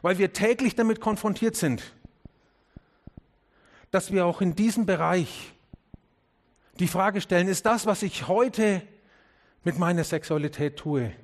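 Earnest higher-voiced male preacher. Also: measured pace, pauses often. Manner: earnest, questioning, addresses congregation directly; drops low and quiet on key words, rises when urging. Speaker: pastor. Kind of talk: sermon.

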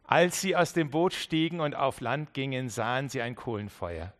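A man preaching a sermon to a congregation, emphatic, dropping to quiet low asides and repeating key phrases for weight. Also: lively intonation, moderate pace. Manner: emphatic, swings between loud stresses and quiet low asides. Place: church service with an audience.

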